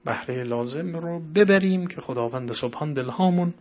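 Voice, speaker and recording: A man preaching a scripture sermon, reciting verses slowly and then explaining them in a conversational way, moving between soft asides and loud, emphatic passages. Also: a little high, lively intonation, highs cut off. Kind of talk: Quran exegesis sermon.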